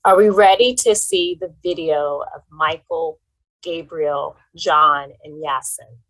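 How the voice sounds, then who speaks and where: A woman presenting and moderating at an online conference, speaking in a steady, conversational way. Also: deep voice, slow pace, low-quality recording.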